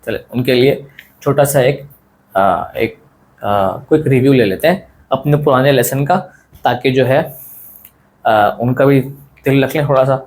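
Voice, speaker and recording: A man teaching an online lesson in a relaxed, friendly way, asking questions and answering them himself and often repeating his points. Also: medium pitch, unhurried, pauses often. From South Asia. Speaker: Quran teacher.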